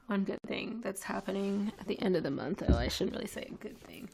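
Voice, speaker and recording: Streaming from her living room with a headset and webcam, a young French-speaking woman rambles casually, leaning on plenty of fillers. She talks briskly with lively intonation and a medium pitch, and her dark, slightly rough tone carries vocal fry.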